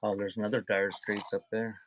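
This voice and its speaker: Fairly quick and flat, a man with a lowish voice runs a live cassette sale online, reading out album titles and chatting casually with viewers. The recording is very noisy.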